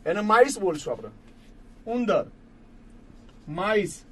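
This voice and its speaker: A man's voice: sits high, sing-song, takes it slowly, a bit bright, slight background noise. A man teaching a grammar lesson, patiently repeating each word for his students and calling them friends. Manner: addresses listeners as friends. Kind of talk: classroom lesson explaining English grammar.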